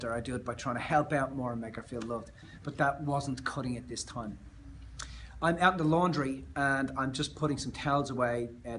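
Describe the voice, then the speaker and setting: An Australian man speaking as a motivational speaker, telling a personal story in an earnest, emphatic way that often trails off softer. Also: mid-range voice, slight background noise.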